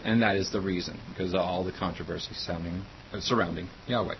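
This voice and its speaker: Deep-voiced man teaching Bible words. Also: steady tone, quick pace. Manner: plain, explanatory, spells out words, reads passages aloud. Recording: slightly dull recording with faint hiss.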